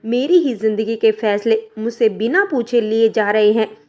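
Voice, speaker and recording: A woman voicing a headstrong young wife who shouts and argues defiantly. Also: on the high side, normal speed, soft background music, close to an everyday voice. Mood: furious.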